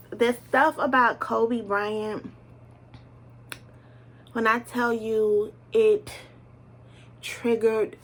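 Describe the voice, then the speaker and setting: A woman's voice: a little high, fairly bright tone. A woman in her late twenties from the US South with a Southern accent, chatting casually to camera from her bedroom floor in a scattered, friendly way. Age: 20s. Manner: chatty, scattered, talks straight to viewers. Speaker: vlogger.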